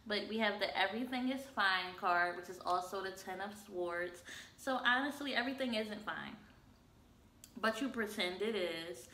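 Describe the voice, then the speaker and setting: Sleepy woman doing a tarot reading, slangy and chatty, bright voice, roomy echo. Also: mid-range voice, slight background noise. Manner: chatty, slangy, addresses viewers as y'all. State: tired, up late. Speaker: tarot reader. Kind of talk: casual pick-a-pile tarot reading. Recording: echoey room, faint ambience.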